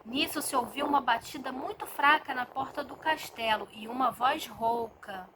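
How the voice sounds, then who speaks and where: High-voiced woman reading a fairy tale. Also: moderate pace, background noise. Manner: expressive, lively storytelling. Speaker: storyteller. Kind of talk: reading a children's storybook aloud.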